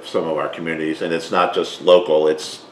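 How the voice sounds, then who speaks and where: A man hosting an interview, asking long questions in a relaxed way with plenty of fillers. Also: very deep voice, a little fast. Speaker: host. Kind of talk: casual interview. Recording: echoey room with faint noise.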